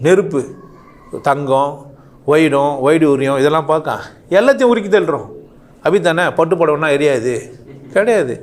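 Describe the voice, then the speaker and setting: A man delivering an impassioned monologue, firing off rhetorical questions and swinging his voice up and down sharply. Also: on the high side. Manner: animated, rhetorical questions, rising and falling sharply. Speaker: speaker.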